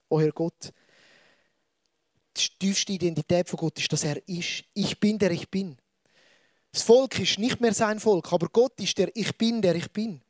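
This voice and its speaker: A man preaching with a Swiss German accent, lively and conversational, turning to the audience with asides. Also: high-pitched, no room sound, studio quality. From Switzerland. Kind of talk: sermon.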